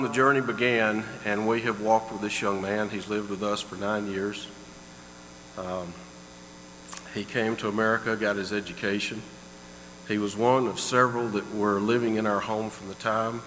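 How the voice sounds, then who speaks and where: A man's voice: fairly low pitch, bright, forceful tone. A middle-aged man giving a heartfelt storytelling introduction of a guest in church. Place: church sanctuary. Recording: long hall reverb, faint mains hum.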